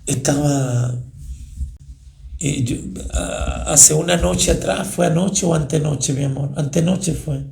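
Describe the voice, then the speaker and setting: A man preaching a sermon, telling a dream with rising emotion and loud cries. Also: fairly high pitch, slow pace, creaky. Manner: emotional, builds to shouting and crying cries. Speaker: pastor.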